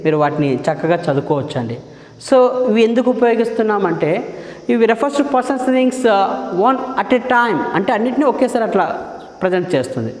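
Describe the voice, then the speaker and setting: A male grammar teacher explains a lesson in a question-and-answer style, asking his listeners questions, answering them himself, and repeating key terms. He slows down to dictate English definitions. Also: high-pitched, big pitch swings, a little mellow. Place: room with a board. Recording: echoey room with long reverb.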